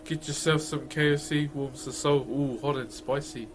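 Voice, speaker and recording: A man's voice: mid-range voice, fairly even intonation, normal speed, a little hiss or hum. A man with a broad New Zealand accent chatting casually to viewers as a live streamer, laid-back and slangy. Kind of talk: casual livestream chat with viewers.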